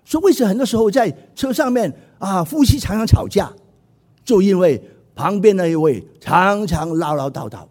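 A middle-aged man preaching a sermon, animated and acting out voices in his stories. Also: sits high, moderate pace. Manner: animated, acts out quoted voices.

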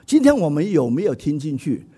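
Man, middle-aged, preacher, animated sermon, husky tone. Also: on the high side, brisk. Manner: animated, acts out quoted voices.

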